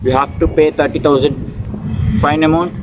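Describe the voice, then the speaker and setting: A man playing a stern, slow-talking police officer. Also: fairly high pitch, steady tone, dull audio, noisy background. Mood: stern questioning. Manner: slow, deliberate, stern English. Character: stern male police officer questioning a student.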